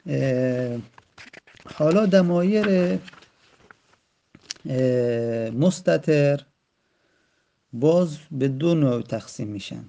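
A man's voice: medium pitch, expressive, creaky, pauses often, mellow, slight background noise. A man teaching Arabic grammar in a patient lesson, repeating and rephrasing each term, speaking directly to the student. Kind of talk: explanatory lesson. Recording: dull lo-fi recording.

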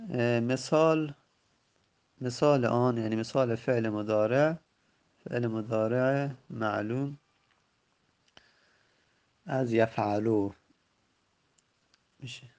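A man teaching grammar from a textbook, patiently repeating word forms and spelling them out slowly. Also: mid-range voice, darkish tone, dull audio. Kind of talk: recorded lesson explaining a textbook.

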